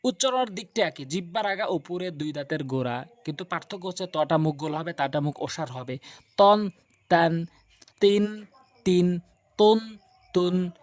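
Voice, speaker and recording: A male teacher runs a recitation lesson, drilling letter sounds. He draws each syllable out slowly and then explains at a brisk pace. The sound is dry and close, with no room echo. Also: a little high, lively intonation.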